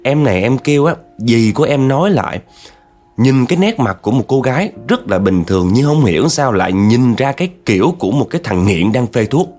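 A man's voice: mid-range voice, very animated, a little fast, darkish tone, faint music behind. A man telling a spooky story in a chatty way, talking straight to his listeners. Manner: chatty, addresses listeners directly. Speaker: horror storyteller.

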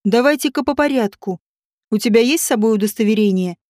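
A woman's voice: fairly high pitch, quick pace, a little mellow, dry recording, clean studio sound, pitched below the performer's own voice, natural voice. A woman voicing a stern man who takes charge and gives curt orders. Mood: commanding. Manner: curt, commanding.

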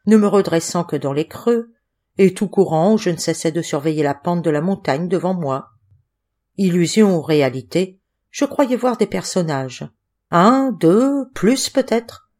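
Low-voiced woman reading an audiobook. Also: animated, a little slow, a little mellow. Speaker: audiobook reader. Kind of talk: scripted narration.

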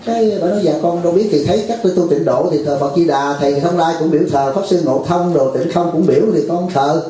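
Echoey, folksy male monk preaching. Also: quick pace. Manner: folksy, asks the crowd "phải không?" often; acts out dialogues with lively pitch jumps. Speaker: monk teaching a retreat. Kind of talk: dharma talk to a temple audience. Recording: very echoey hall.

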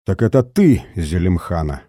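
A man's voice: low voice, sing-song, normal speed, warm tone, dry recording, clean studio sound. A man voicing a prim, flustered retired secret-service officer in his old age who ends up pleading. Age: older. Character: old retired male spy officer, prim then frightened.

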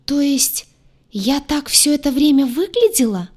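A woman voicing a jealous, rude young redheaded alien woman in an audiobook, with a shrill, indignant manner. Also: animated, unhurried, a little mellow. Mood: dismayed.

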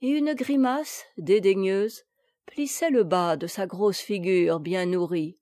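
Lady reading a story out loud, mellow tone, dry close mic. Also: medium pitch, slow, no room sound. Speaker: audiobook reader. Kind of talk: scripted storybook narration.

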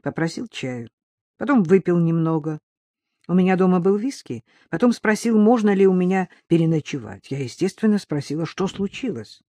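A woman's voice: on the low side, expressive, moderate pace, warm tone, no echo, studio quality. A woman reading aloud, voicing an offended young woman who defends herself resentfully and insistently.

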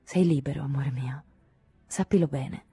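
A woman's voice: very deep voice, moderate pace, warm tone, husky, no echo, faint music behind, heavily acted. A woman voicing an anxious, clinging woman who talks to her lover in an earnest, pleading way in an audiobook reading.

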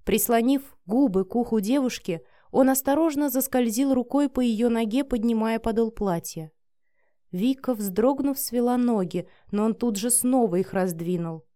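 A woman narrating an erotic audiobook in a soft, sensual, measured voice. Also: on the high side, no room sound, studio quality. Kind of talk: reading an erotic story aloud.

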